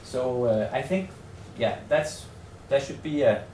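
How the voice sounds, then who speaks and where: Speaking English as a second language with a Danish accent, a researcher from Denmark gives a semi-improvised presentation at a hotel seminar. His medium-pitched voice is a little mellow, and he's halting and tentative, thinking aloud and repeating words. The room echoes, the mic is distant and faint noise is present.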